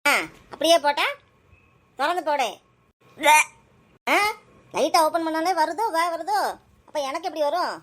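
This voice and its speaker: A woman scolds her children in a scripted family skit. Her voice sits high, and she nags loudly in quick, sharp bursts. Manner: scolding, nagging, loud and rapid.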